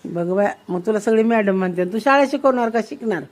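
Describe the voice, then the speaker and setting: A young woman, a mother, chatting playfully with her little daughter, teasing her with lots of quick questions. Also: mid-range voice, a little mellow.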